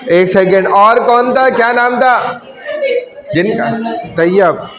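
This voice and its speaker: Guy teacher reading the roll, high voice, takes his time with each name. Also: crowd noise. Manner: slow, deliberate name calling with brief asides. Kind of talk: taking class attendance.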